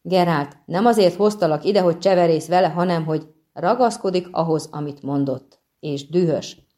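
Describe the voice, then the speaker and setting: An arrogant young prince, quick to shout and hurl insults, as a woman reader voices him. The storybook voice sits low and dark. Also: lightly acted. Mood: angry. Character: hot-tempered arrogant young male prince. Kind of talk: audiobook reading.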